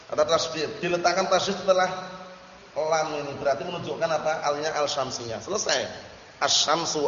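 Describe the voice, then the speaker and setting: A man with a fairly high, slightly bright voice teaches an Arabic lesson classroom-style at a study gathering in a large hall, drilling students by repeatedly stopping to ask whether they understand. The audio is echoey, dull and lo-fi, with slight background noise.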